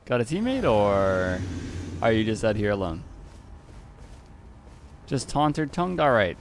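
A man's voice: lowish voice, sing-song, measured pace, a little hiss or hum. A man giving casual, playful commentary over his own gameplay, chuckling often and greeting the players he meets. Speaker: gaming YouTuber.

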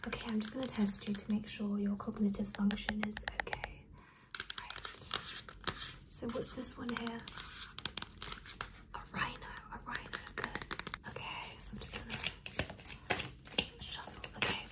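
A young woman in a fast whispered ASMR role-play, playing a businesslike kidnapper from another dimension examining a human captive, close to the microphone. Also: mid-range voice, level tone, natural voice. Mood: brisk, testing. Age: young adult. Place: small bedroom, indoors.

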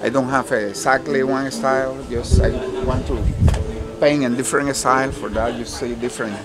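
A middle-aged Cuban-accented man talks outdoors beside his studio, his English halting and full of restarts. His pitch sits mid-range, with clear music playing behind him. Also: steady tone. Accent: Cuban Spanish. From Cuba. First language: Spanish. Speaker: painter. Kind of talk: casual interview. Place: outdoors at a studio cottage in a park.

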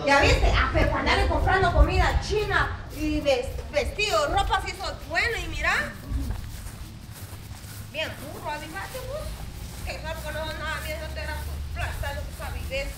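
A woman with a Guatemalan accent and a very high voice scolds and lectures with exasperation. She sounds distant and echoey, recorded from well off the mic. Steady noise runs under her voice. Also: normal speed. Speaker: scolding friend.

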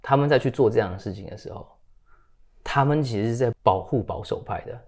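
A man's voice: medium pitch, brisk, darkish tone. A man in his thirties co-hosting a casual talk show, telling stories with English phrases mixed in. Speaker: co-host. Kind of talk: casual political chat.

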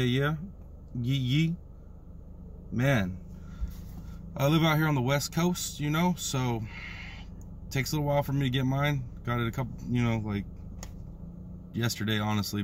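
An American man in his thirties giving a casual vlog review with slang and drawn-out, hyped catchphrases. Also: medium pitch. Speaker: product reviewer. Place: inside a parked car. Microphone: phone at arm's length. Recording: noticeable background noise inside a car.

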